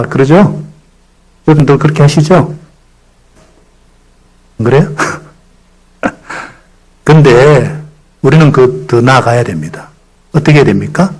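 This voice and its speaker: A man preaching a Sunday sermon as pastor in a church. He leads the congregation through call-and-response recitations and tells stories in an animated way, acting out the quotes. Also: mid-range voice, poor audio. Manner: animated storytelling with acted-out quotes. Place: church sanctuary.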